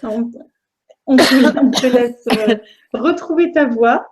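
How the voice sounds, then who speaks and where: A woman's voice: on the high side, slow pace, noisy background. A woman hosts a live interview, accommodating her guest and recapping for the audience. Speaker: interviewer and host. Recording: slightly muffled lo-fi sound.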